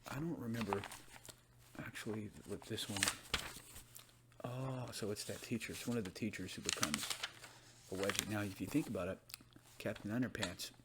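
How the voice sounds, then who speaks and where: A man doing a soft-spoken, ASMR role-play as a librarian, chatting about books in a rambling, informal ASMR style. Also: on the low side, normal speed, very noisy. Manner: rambling, informal, conversational book commentary. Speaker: ASMR performer playing a librarian.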